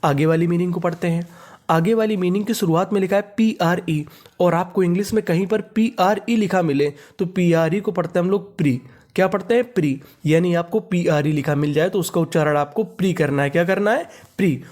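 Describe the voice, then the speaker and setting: Guy teaching english words, spells them out, keeps asking what do we read, kinda high voice. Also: a little fast, a little mellow. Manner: repeats each word and asks "what do we read?".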